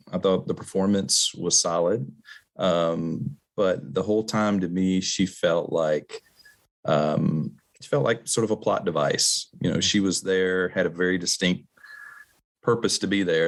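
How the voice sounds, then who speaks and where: A married man co-hosting a podcast, chatting casually about a movie with relaxed, measured talk and frequent pauses. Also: low voice. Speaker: podcast co-host. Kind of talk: casual film review chat.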